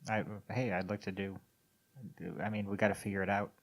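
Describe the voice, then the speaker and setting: A man's voice: lowish voice, level tone, a little fast. A man co-hosting a casual podcast, blunt and sarcastic, swearing freely. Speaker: podcast co-host. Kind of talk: casual chat.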